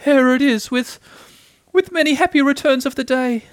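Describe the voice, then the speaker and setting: A man's voice: very high voice, normal speed, no echo, voice pushed up. A man voicing a small, timid, anxious piglet in a storybook, earnest and apologetic, with hesitant speech. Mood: sad, meek.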